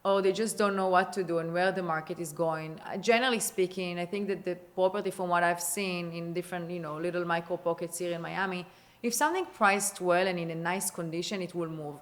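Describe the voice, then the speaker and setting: Speaking fast and sociably, this Israeli-accented guest discusses real estate on a laid-back podcast, frequently starting over mid-sentence and relying on filler words. She is a real estate agent with a lowish voice.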